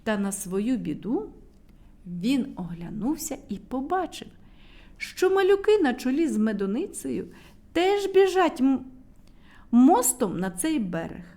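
High, lively woman reading a children's tale. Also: creaky. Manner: lively, dramatic storybook reading. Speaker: storyteller.

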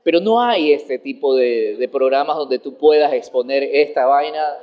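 A man's voice: mid-range voice, normal speed, muffled recording. A man, a guest comedian chatting in an interview, rambling and laughing as he talks. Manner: animated, rambling, laughs while talking. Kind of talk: casual interview chat.

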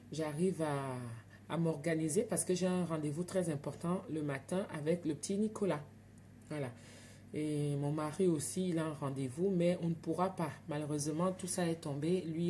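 A woman's voice: low-pitched, mellow, slight background noise. A woman with an African French accent, telling stories and chatting straight to her viewers on a casual live stream from home at night.

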